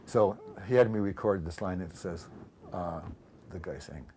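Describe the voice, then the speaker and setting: A man's voice: low-pitched, measured pace, dark tone, slight background noise. A man telling anecdotes in a casual interview, meandering with lots of ums and restarts.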